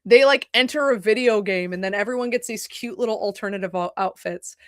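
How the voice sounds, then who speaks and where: A young woman talks to her stream audience from a home setup in a loose, meandering way. She curses often and keeps cutting herself off with little apologies. Her voice sits at an ordinary pitch and is heard on a dry, close microphone with no room sound. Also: brisk, a bit bright, no echo. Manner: rambling, profane, self-interrupting, apologetic asides. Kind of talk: casual livestream chat.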